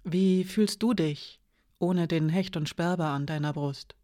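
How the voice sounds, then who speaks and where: A reader voicing a calm, self-assured woman who speaks quietly and steadily, in a dry audiobook reading. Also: medium pitch, measured pace, dry recording, close to an everyday voice. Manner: calm and soft-spoken.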